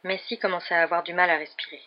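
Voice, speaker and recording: A woman's voice: fairly low pitch, fairly even intonation, fast. Woman reading a novel aloud, dull recording. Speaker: reader. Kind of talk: audiobook narration.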